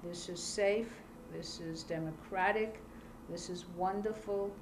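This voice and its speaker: Slow, calm older woman from Iraq. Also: lowish voice, background noise. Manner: calm, deliberate, pausing between phrases. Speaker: interviewee telling her life story. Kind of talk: measured personal testimony. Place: small indoor room, seated at a table.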